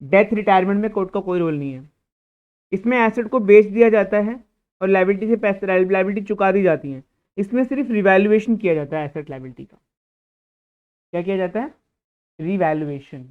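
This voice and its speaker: A man teaches an accounting class in a lecture style, putting questions to the room and answering them himself. His voice is smooth and clear. The recording sounds thin and tinny, like a phone line. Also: high-pitched, brisk, pauses often. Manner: explains by asking and answering his own questions; scolds a student.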